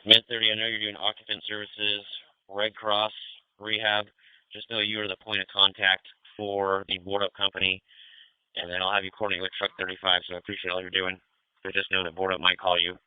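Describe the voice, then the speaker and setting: A man's voice: low voice, completely flat delivery, fairly quick, clean tone, no echo, narrow, tinny audio. An American man working as fire incident commander, giving courteous, procedural orders in clipped police-radio style over a two-way radio. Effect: radio transmission. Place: fireground.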